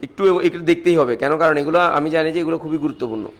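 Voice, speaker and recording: This male chemistry teacher from Bangladesh speaks rapidly at a fairly high pitch, with a Bangladeshi Bengali accent. In his live online exam-prep class, he answers viewers' comments, repeats his points, and breaks calculations down step by step.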